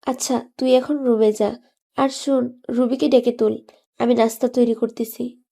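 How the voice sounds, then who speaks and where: A woman voicing a kind, caring middle-aged aunt in an audio story, speaking gently and like a mother. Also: on the high side, flat delivery, moderate pace, gravelly. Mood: tender. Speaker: narrator's aunt. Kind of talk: audio drama acting.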